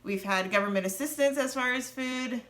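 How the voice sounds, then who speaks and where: A woman in her thirties speaks in a bright, clear voice, relaxed and conversational. She is candid and earnest as she lays out her story, casual rather than polished. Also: high-pitched, moderate pace. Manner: earnest, candid, laughs nervously at times. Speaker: co-host of a personal finance channel.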